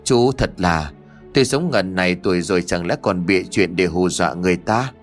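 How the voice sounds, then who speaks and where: An elderly grandmother, shaken and insistent, in a spoken ghost story, voiced by a man. The voice sits low. Quiet music plays underneath. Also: a little fast. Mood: frightened.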